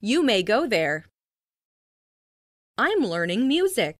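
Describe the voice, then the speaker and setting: Woman, English phrase reader, slow careful delivery, lively rise and fall, dry close sound. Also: fairly high pitch, no echo. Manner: careful, clearly enunciated, each sentence said twice. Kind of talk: slow scripted phrase reading for learners.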